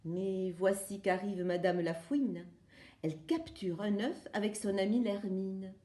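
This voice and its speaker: Woman, storyteller, children's story read aloud, sing-song, playful, unhurried, echoey room. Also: medium pitch, fairly even intonation, dark tone. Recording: roomy echo.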